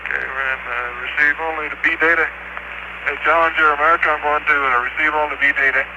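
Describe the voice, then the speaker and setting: A man's voice: fairly high pitch, flat delivery, fast talker. Man on breaking-up space radio. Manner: clipped and matter-of-fact, checklist-like. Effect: breaking-up space radio transmission. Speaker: astronaut. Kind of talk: terse procedural callouts over mission radio. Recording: static-filled lo-fi air-to-ground radio.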